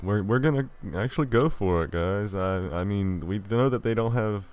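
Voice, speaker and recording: A man's voice: fairly low pitch, moderate pace, darkish tone, clear, resonant tone. A man hosting a game playthrough, talking through his choices with dry, sarcastic asides. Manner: reads game dialogue aloud in playful voices. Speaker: let's play host. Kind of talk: game commentary.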